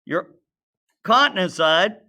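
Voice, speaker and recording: Slow, high, and lively in intonation, his voice comes across bright and forceful. A male teacher leads a laid-back science lesson, sketching as he talks, putting questions to students, and murmuring to himself as he draws.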